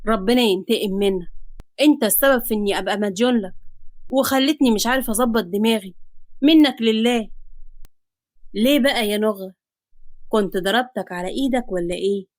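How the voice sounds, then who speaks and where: A woman's voice: medium pitch, no echo, close to an everyday voice. A woman with an Egyptian Arabic accent voicing a menacing, mocking young man who calls himself a psycho, taunting and threatening in a storybook reading. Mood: mocking menace. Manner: taunting, sarcastic, slow and threatening.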